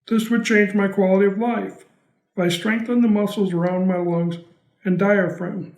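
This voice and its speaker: High-voiced man giving testimony, echoey. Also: flat delivery, moderate pace, darkish tone. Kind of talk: prepared personal testimony, read out.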